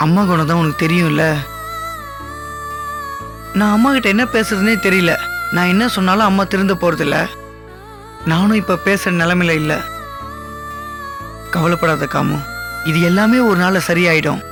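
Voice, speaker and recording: An actor playing a young husband in a TV serial, gently reassuring his wife. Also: high voice, normal speed, long pauses, music in the background. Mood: consoling. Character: young husband, calm and consoling. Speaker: husband of Kamu. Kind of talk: Tamil TV serial acting.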